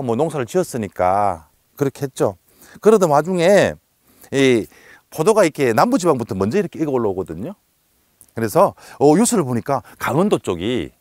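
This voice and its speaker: A man giving a humorous lecture, telling anecdotes in a lively storytelling manner and acting out the quotes. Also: fairly high pitch, dry recording, clean studio sound.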